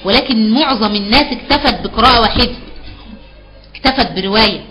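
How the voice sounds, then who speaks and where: A woman's voice: fairly high pitch, a little fast, pushed and bright, rough recording. A woman with an Egyptian accent teaching a live online Quran recitation class, patiently explaining and repeating key terms back as questions. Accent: Egyptian Arabic.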